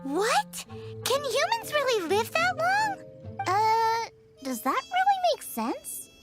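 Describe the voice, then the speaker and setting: Squeaky, chatty Paimon fairy. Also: female voice, huge pitch swings, takes it slowly, heavily acted. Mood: amazed. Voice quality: squeaky, childlike. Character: tiny childlike fairy companion, fretful and chatty. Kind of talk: anime-style video game voice acting. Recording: loud music behind the voice.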